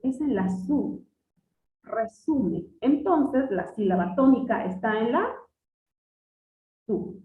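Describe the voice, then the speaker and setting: A patient woman teacher quizzes her class during a lesson, slowly repeating key words twice, in an expressive, mid-pitched voice. She sits back from the mic, and the recording sounds thin and phone-like, with a hollow room echo.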